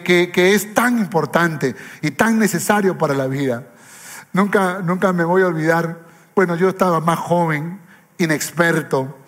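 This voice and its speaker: A man pastor preaching an impassioned sermon, fervent, repeating phrases for emphasis. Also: high-pitched. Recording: reverberant hall with faint music.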